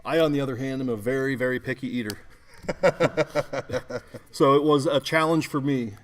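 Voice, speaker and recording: A man's voice: mid-range voice, steady tone, moderate pace. Easygoing man hosting a card break. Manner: easygoing, reads card numbers aloud. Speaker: host of a card break show. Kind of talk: casual chat and live card break calls.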